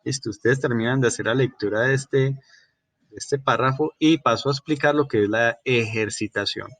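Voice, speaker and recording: Man, Colombian accent, teacher, mid pitch, lecturing, fillers and restarts, dry close sound. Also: normal speed, fairly bright tone, no room sound. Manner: explanatory, frequent fillers and restarts, checks with "¿cierto?". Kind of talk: recorded class lecture.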